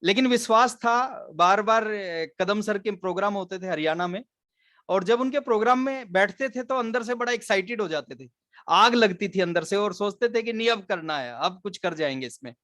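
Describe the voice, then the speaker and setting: A man's voice: high-pitched, expressive, moderate pace, a bit bright, dry recording, clean studio sound. A man, giving an earnest motivational business training talk, mixing English words into his speech. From Haryana, India. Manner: earnest storytelling, mixes English words into Hindi.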